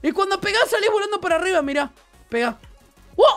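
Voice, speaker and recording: Very high, excitable Rioplatense gamer guy. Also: fast, over loud music. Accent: Rioplatense Spanish. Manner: excitable, playful. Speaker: gamer in a duo gameplay video. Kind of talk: casual gameplay commentary.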